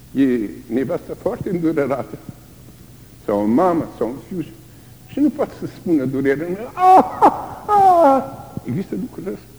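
A man's voice: fairly high pitch, mellow, slight background noise. Older man preaching in a reverberant hall. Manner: dramatic, cries out acted screams of the tortured. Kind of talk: sermon.

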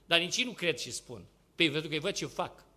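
A man preaching a sermon with passion, swinging between loud urging and hushed asides and firing rhetorical questions at the congregation. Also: fairly high pitch, expressive.

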